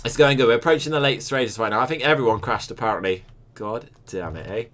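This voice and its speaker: A man's voice: medium pitch, fast talker, fairly bright tone. A young Scottish man streaming and commentating a game tournament, joking, swearing and chatting to his viewers.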